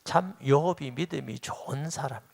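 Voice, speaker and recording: A man's voice: medium pitch, normal speed, creaky, darkish tone. A middle-aged man, preaching a sermon as pastor and acting out quoted dialogue with rising emphasis.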